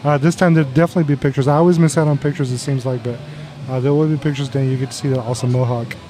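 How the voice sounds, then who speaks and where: A man's voice: medium pitch, fairly even intonation, rapid-fire. A man hosting a podcast on location at a brewery, chatty and stumbling over repeated words. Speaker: podcast host. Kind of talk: casual podcast chat. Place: brewery taproom.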